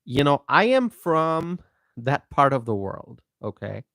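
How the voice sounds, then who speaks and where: A man's voice: medium pitch, big pitch swings, slow, a bit bright, no echo, studio quality. A man from Bangladesh hosting his own political commentary channel, talking straight to viewers in an emphatic, repetitive way. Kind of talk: casual monologue to camera.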